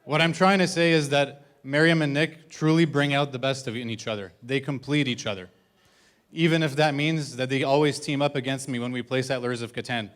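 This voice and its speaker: A man's voice: medium pitch, steady tone, brisk, fairly bright tone. A man giving a best man's toast at a wedding reception, joking and self-deprecating as he teases the groom.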